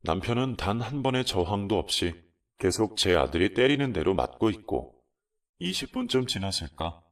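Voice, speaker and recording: Male story narrator, dramatic reading, wide pitch swings, heard from a distance. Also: moderate pace. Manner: expressive storytelling.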